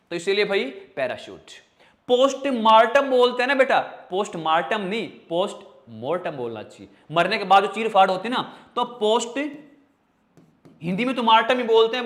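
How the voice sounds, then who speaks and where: A man whose voice sits high and a bit bright leads an online exam-prep vocabulary lesson in English. His manner is playful and jokey; he calls students "bhai" and "beta" (brother, child) and slowly drags out every spelling one syllable at a time.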